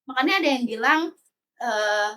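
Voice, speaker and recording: A young woman with a high, bright voice chats casually on a podcast and spells out her opinions in long turns. She slips into quick acted-out examples along the way. Her voice sits a little back from the microphone. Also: distant mic. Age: young adult. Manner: talkative, explains at length with acted-out examples. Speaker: podcast co-host. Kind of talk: casual chat.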